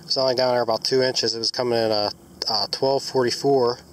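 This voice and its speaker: A man with a cold, sounding stuffed up, narrates his metal detecting finds outdoors in the woods and a yard, chatting casually to viewers as he digs. His mid-range voice is steady, a little fast and a bit bright, with a little hiss or hum on the recording. His manner is plain and upbeat.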